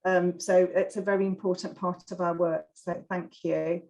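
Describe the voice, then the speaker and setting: A woman hosting an informal panel, introducing speakers in halting, hesitant phrases. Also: fairly low pitch, little pitch movement, darkish tone. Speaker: panel host.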